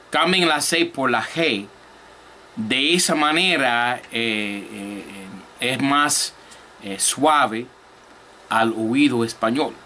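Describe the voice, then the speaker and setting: A man teaching a Greek grammar lesson from his office, explaining slowly and haltingly with many fillers and repeated words. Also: medium pitch, pushed and bright, a little hiss or hum.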